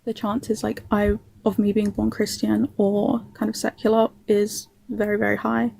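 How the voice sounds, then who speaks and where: Hesitant gravelly woman from England. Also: medium pitch, completely flat delivery, normal speed, dark tone, dry recording, rough recording. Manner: hesitant, thoughtful questioning with ums. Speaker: passerby questioned in debate. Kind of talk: casual conversation.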